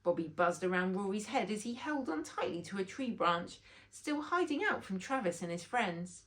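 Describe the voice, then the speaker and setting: At a moderate pace, a woman narrates a children's story aloud with plenty of expression. Her voice falls in the mid range.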